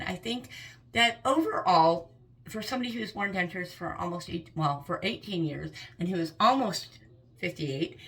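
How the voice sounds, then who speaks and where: A woman's voice: fairly low pitch, creaky, fairly bright tone, poor audio. A woman in her fifties speaking candidly and earnestly to camera in a personal vlog. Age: 50s. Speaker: vlogger.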